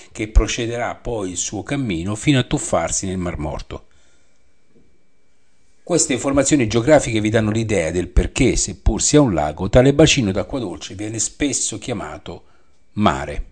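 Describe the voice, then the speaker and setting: Guy w a lowish voice doing bible study, reads verses slow n explains, repeats refs. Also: a little mellow. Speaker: Bible teacher. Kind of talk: Bible study teaching with scripture reading.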